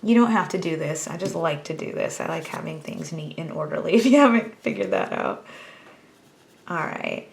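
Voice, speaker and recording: Gravelly-voiced woman teaching math. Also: sits low, lively intonation, normal speed, slight background noise. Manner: chatty, self-teasing. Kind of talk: lesson with calculator.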